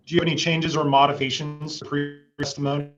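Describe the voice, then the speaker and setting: A man's voice: fairly high pitch, flat delivery, a bit bright, faint music behind. A man, an attorney, formally questioning a witness over a video call whose audio keeps breaking up and lagging. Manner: formal, measured. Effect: choppy, laggy video-call audio that breaks up. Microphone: computer mic on a video call. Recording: muffled lo-fi video call with faint noise.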